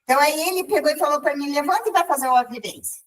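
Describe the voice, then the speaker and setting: High-voiced woman telling a story. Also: racing, far from the mic, rough recording. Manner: storytelling with many restarts and quoted dialogue. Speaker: participant in a spiritual group meeting. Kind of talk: casual spiritual testimony.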